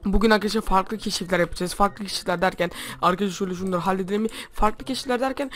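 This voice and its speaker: A man playing Minecraft for his channel, chattering to his viewers in a hushed voice because it is late at night. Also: high voice, rapid-fire. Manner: chatty, constantly addressing viewers. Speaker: gaming YouTuber. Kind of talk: Minecraft let's play with role-play.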